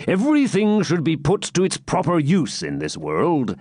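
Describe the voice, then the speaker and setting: A man's voice: fairly high pitch, huge pitch swings, moderate pace, a little mellow, breathy edge, no echo, clean studio sound, voice pushed up, full character voice. A man reading the part of a jovial old hermit friar, in a hearty, mock-grave recitation.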